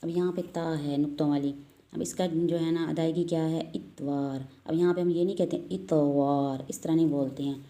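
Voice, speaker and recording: A woman with a Pakistani Urdu accent, teaching Quran reading step by step, patiently repeating letter sounds slowly. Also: low voice, fairly even intonation, dark tone. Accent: Urdu-speaking, Pakistani. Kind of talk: step-by-step recitation lesson.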